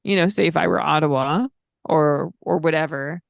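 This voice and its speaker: Gravelly, stat-quoting male podcast co-host. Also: fairly high pitch, no room sound. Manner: stat-heavy, measured, frequent fillers. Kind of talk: casual podcast chat.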